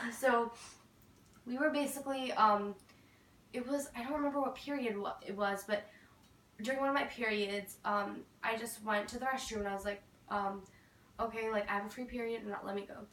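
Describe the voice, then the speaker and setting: High-voiced teen girl in an echoey room. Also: steady tone, normal speed, fairly bright tone, recorded from a distance, a little hiss or hum. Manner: chatty, lots of fillers and quoted asides. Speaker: vlogger. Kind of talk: casual storytime chat.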